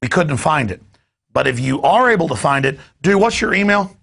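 Gravelly man rambling on the news. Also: fairly high pitch, expressive, moderate pace, a bit bright. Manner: rambling, stammering restarts. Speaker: news show host. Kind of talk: off-the-cuff news commentary. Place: studio.

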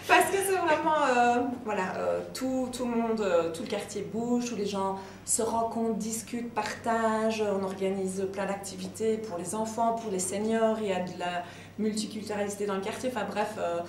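A woman's voice: medium pitch, normal speed, slight background noise. Middle-aged woman interviewee, enthusiastic; roomy, distant sound. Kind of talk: casual interview answers. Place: small room with brick wall. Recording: echoey room, mic at a distance.

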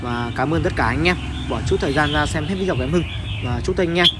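A fast, chatty young man from Vietnam pitches his birds in a casual vlog, peppering every phrase with fillers and direct calls to his viewers. His voice sits a little high for a man. Loud background noise runs under everything he says. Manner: chatty, many fillers and repeated address to viewers. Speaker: bird seller, channel host.

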